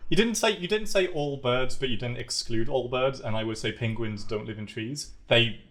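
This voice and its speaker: A male podcast host who leads improv games, handing out scenes in an amused, easygoing tone. His voice sits at an ordinary middle pitch. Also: moderate pace, fairly bright tone. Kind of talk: casual improv podcast hosting.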